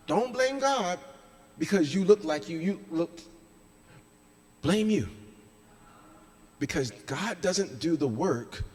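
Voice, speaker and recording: A man, a pastor, preaching a sermon with emphatic delivery that swings between loud stretches and hushed ones. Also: fairly high pitch. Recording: echoey church hall.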